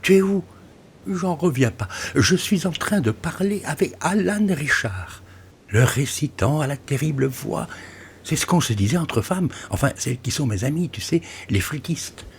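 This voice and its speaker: A man voicing a shy, excitable young woman flutist who talks breathlessly and often drops to a whisper in this audiobook. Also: fairly high pitch, normal speed, a little hiss or hum, voice pushed up. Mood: starstruck.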